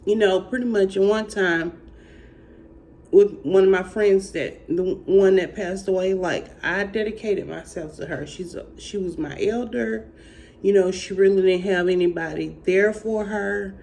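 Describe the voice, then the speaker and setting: A speaker from Alabama with a country Southern accent, talking slowly and haltingly in a personal faith testimony and encouragement vlog. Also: mid-range voice, creaky, a little mellow. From Alabama, United States. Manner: slow, halting country drawl. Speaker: faith vlogger.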